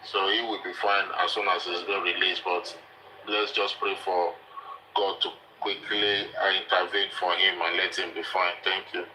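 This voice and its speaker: A man giving measured, hesitant commentary as a panelist in a live discussion. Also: sits low, level tone, bright, forceful tone, low-quality recording. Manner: hesitant, halting, deliberate. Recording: faint background noise on live call.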